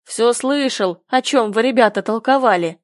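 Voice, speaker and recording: A woman voicing a sleepy dormouse in a storybook, talking in a drowsy, hoarse way. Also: fairly high pitch, no echo, clean studio sound, lightly acted. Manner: drowsy, hurried.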